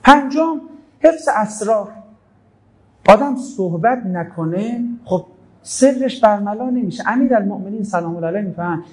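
A man's voice: sits high, lively intonation, low-quality recording. Conversational man giving a religious talk. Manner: conversational storytelling, quoting scripture. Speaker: preacher.

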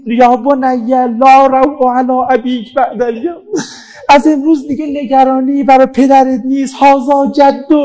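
A man preaches a mourning sermon in a very high voice, his words breaking with weeping. He slows into chanted passages between plain storytelling. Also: darkish tone, poor audio.

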